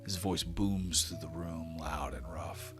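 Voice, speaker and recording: A man narrating a tabletop game as game master, slow and dramatic. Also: sits low, fairly even intonation, music in the background.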